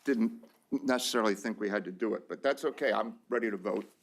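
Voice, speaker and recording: A man at a council meeting stumbling through a question to clarify a vote. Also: lowish voice. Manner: halting, repeats words when unsure. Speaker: council member.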